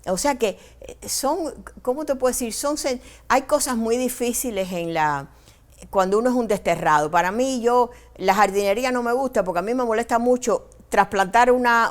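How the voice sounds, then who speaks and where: A middle-aged Cuban woman journalist, a guest in an interview, recounting memories with animated quoted dialogue and frequent restarts. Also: fairly high pitch. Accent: Cuban Spanish. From Cuba. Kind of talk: emotional personal storytelling.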